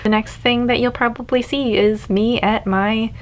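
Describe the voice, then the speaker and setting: A young adult woman vlogger talks candidly to camera in a casual personal vlog, chatty and laughing often. Her voice is on the high side, with fairly even intonation at a normal speed.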